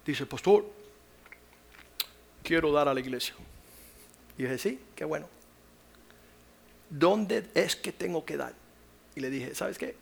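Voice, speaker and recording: Gravelly-voiced male pastor preaching. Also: high voice, slight background noise. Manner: shifts from hushed whispers to loud acted quotes. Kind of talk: sermon.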